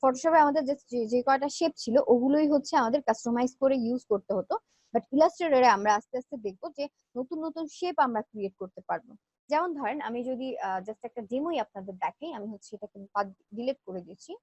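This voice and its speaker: A woman's voice: high-pitched, animated, quick pace, a little mellow, no room sound. A woman teaching a live graphic design class, walking students through each step with brief fillers. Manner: explains step by step, fillers between steps. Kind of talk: live online class, screen demo. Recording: dull lo-fi sound.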